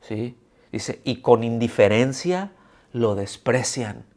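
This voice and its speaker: A pastor with a medium-pitched, darkish, expressive voice preaches slowly to his congregation at a church service streamed on a video call. He frequently asks his listeners rhetorical questions and mimics the grumbling voices of complainers.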